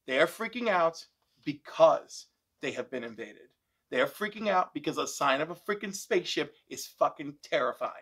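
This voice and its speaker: A man's voice: a little high, animated, normal speed, a bit bright, breathy edge. A man co-hosting a casual review podcast, arguing his point emphatically and repeating words for stress. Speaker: podcast co-host.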